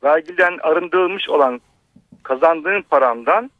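A man's voice: a little high, slow, no echo. A male doctor calling in to a radio show over a telephone line, complaining about taxes in an aggrieved way with hesitant fillers. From Bursa, Turkey. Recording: muffled phone line, dry.

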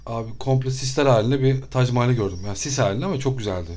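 A man's voice: medium pitch, rapid-fire, a little mellow, slight background noise. A man telling travel stories in a casual chat, stammering and restarting words often.

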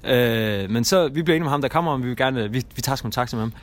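A young man casually telling a rambling anecdote as a guest, with lots of fillers and restarts. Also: medium pitch. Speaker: guest storyteller.

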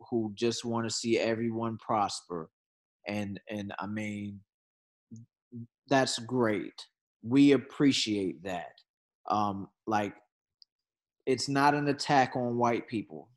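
An ordinary-pitched male voice, earnest in tone, carries a casual conversation. He keeps restarting and repeating words while looking for a thought, then picks up speed in quick bursts.

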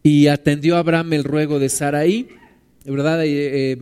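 A man's voice: a little high, flat delivery, a little slow, darkish tone, clean tone. A man preaching a sermon, reading Bible verses and explaining them in a conversational way, often asking his listeners "right?".

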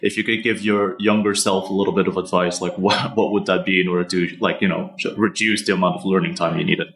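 A man hosts a podcast, opening with a scripted welcome before moving into questions. His voice sits somewhat low. His tone stays friendly and conversational. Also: little pitch movement, brisk, vocal fry, a bit bright. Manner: friendly, with scripted intro and short back-channel replies. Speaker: podcast host. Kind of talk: interview hosting.

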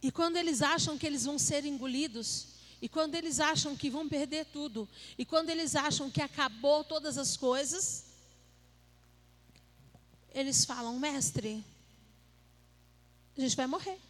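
A woman with a bright, high voice preaches a sermon. She keeps it playful and conversational, teasing her listeners and asking them questions as she goes. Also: moderate pace. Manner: playful and conversational, jokes with the audience.

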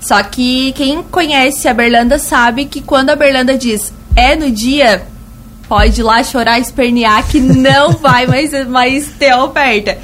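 A woman with a high-pitched, thin and reedy voice that sounds slightly cracked. She talks colloquially as a store representative in a radio interview, repeating points for emphasis, with faint noise behind her. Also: fairly even intonation, measured pace, fairly bright tone. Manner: colloquial, fond of diminutives and emphatic repetition. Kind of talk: conversational promotional interview. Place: radio studio.

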